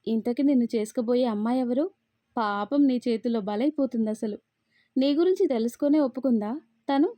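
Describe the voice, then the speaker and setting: A woman voicing a teasing, excitable young man in a storybook reading. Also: fairly high pitch, no echo, lightly acted. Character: young man Aditya, teasing, loud-reacting friend. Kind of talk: storybook read-aloud.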